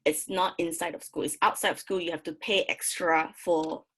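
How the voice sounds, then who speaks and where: A woman's voice: lowish voice, steady tone, normal speed, slightly rough. A young woman from Malaysia with a Malaysian English accent, giving an academic presentation in a chatty way with many fillers and restarts. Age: young adult. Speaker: graduate student presenter.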